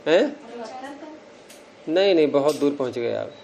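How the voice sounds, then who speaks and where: A Sanskrit grammar teacher lectures a room of students in an unhurried, animated way, patiently working through each rule and stopping to quiz the class. His voice sits a little higher than most men's, soft and mellow yet gravelly, and the audio is dull.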